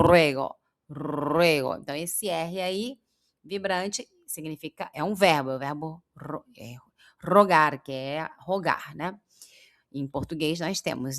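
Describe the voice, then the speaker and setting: A woman with a Brazilian accent teaching pronunciation, drawing out and repeating example words slowly. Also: low voice. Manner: slow, drawn-out demonstrations of sounds. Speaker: Spanish teacher. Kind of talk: pronunciation lesson.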